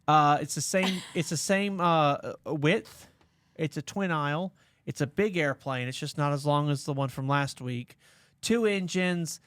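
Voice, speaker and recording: A man hosts a podcast, his voice sitting a little high for a man. He rambles and jokes with mock seriousness. The sound is close and dry. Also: unhurried, fairly bright tone, smooth, no echo. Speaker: podcast host. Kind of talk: casual podcast chat.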